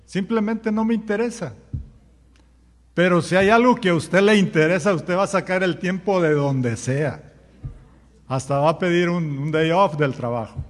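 A man's voice: high voice, moderate pace, in a large hall. A man preaching a sermon as pastor, firing rhetorical questions at the congregation and acting out common sayings. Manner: acts out everyday sayings in quoted voices.

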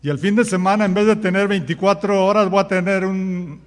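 A man's voice: high voice, fairly even intonation, a little fast, big-room sound. A man preaching a sermon as pastor, firing rhetorical questions at the congregation and acting out common sayings. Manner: acts out everyday sayings in quoted voices.

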